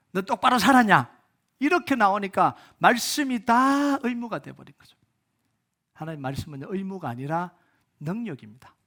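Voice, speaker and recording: A male pastor preaching a sermon, urging loudly at times and dropping to soft near-whispers, full of rhetorical questions. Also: sits high. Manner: rhetorical questions, acts out inner voices.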